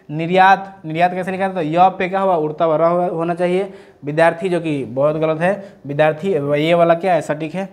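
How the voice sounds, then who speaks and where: A man with a notably high-pitched voice leads an exam-prep grammar lesson. He works through each word step by step, firing rhetorical questions and answering them himself. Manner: drills students with repeated rhetorical questions. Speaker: teacher.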